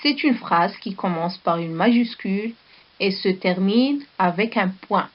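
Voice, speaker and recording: A woman teaching a primary school lesson with a Moroccan French accent, dictating words slowly and repeating each one. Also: medium pitch, highs cut off. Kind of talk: slow recorded classroom lesson.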